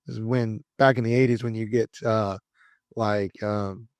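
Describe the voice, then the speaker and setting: A man's voice: lowish voice, fairly even intonation, normal speed, darkish tone, no echo. A man in his forties, a podcast co-host, reading a dramatic history script and breaking into loose, laughing asides. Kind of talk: partly scripted history narration mixed with casual chat.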